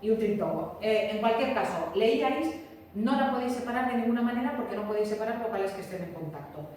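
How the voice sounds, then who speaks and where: Woman teacher, fairly high voice, patient lecture style, long echo, distant mic. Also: lively intonation, quick pace, a little mellow. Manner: explains patiently, repeats key points, checks with students. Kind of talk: classroom lecture. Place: classroom. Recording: roomy echo, distant mic, faint room noise.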